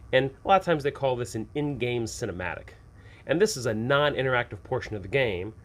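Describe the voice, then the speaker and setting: A man with a medium-pitched voice hosts a tabletop game-mastering advice show, explaining things informally and conversationally with examples. Background noise is clearly audible in the recording.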